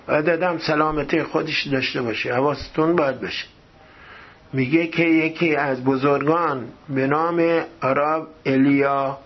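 A man preaching a sermon who keeps putting rhetorical questions to his listeners. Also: mid-range voice. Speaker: religious teacher. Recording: echoey, dull lo-fi room recording.

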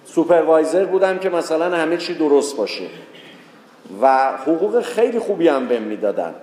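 A man giving a religious talk, telling a story and acting out the people in it with rising pitch. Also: darkish tone. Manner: storytelling, acts out quoted voices with rising pitch. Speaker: religious teacher. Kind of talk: sermon with a told story. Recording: echoey hall with long reverb.

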